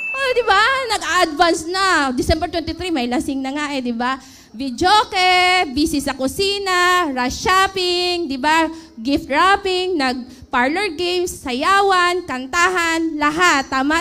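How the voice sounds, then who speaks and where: A former overseas worker from the Philippines, a woman in her thirties, gives an emotional personal testimony about working abroad, putting questions to her audience. Her voice is very high-pitched, bright and forceful.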